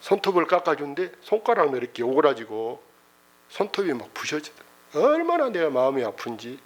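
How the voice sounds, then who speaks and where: Man, middle-aged, pastor, sermon, folksy storytelling, emotional, exclamations, slightly high voice. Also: very animated, a little fast.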